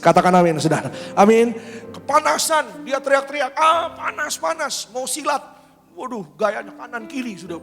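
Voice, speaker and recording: A high-pitched male pastor preaching in a big church hall with a long echo and faint music behind him. He tells stories with acted-out voices and calls the congregation to respond. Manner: storytelling, acts out voices of people in the anecdote; calls out to the congregation, leads declarations. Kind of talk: sermon.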